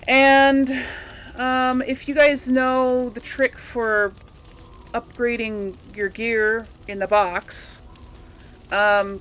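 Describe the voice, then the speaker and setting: A woman hosts a video game let's play channel, her medium-pitched, fairly bright voice offering casual commentary on a playthrough. She talks to viewers informally, chatty and rambling.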